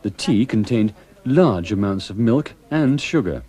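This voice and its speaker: A man's voice: fairly low pitch, animated, unhurried, dark tone. A man reading scripted narration for a travel documentary.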